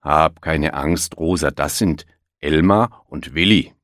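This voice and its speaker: A man voicing a kindly old grandfather elephant who murmurs slowly and softly. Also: extremely low pitch, no echo, clean studio sound, full character voice. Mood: gentle. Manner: slow, murmuring.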